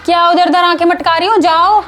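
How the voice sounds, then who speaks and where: A woman's voice: extremely high pitch, fairly even intonation, brisk, a bit bright, soft background music, some chatter behind. A woman in a comic family skit, talking in a smug, teasing and bossy way. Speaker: comedy skit performer.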